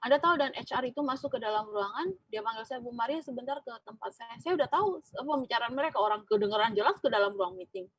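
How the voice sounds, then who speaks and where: A woman from Indonesia preaching at a prayer fellowship, her voice slightly husky and on the higher side. She tells a personal testimony in a storytelling way, with frequent fillers, and acts out what others said. The sound is close and dry. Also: lively intonation, fast talker, few pauses, a bit bright, no echo, rough recording. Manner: storytelling, acts out quoted dialogue with many fillers. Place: church fellowship room.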